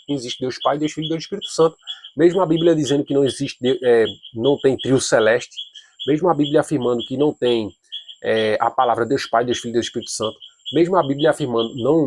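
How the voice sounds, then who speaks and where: A man's voice: a little high, a little mellow, slight background noise. A man giving an informal Bible study lesson, talking casually, restarting often and getting more emphatic as he argues his points. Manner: casual, repetitive, grows emphatic when arguing; frequent hesitations and restarts.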